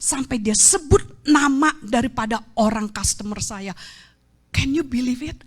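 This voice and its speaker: A woman evangelist giving an emotional testimony sermon in a church, moving from hushed whispers to loud, fervent exclamations. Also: on the high side, a little slow, breathy edge. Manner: addresses the congregation as "saudara" and mixes in English phrases. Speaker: evangelist preacher. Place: church sanctuary.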